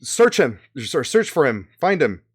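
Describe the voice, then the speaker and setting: Brief: a man playing a stern knight herald, deep and smooth, loud and commanding in a tabletop game. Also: slow, dry recording, studio quality. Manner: proclaiming, commanding. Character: stern male knight announcing a verdict.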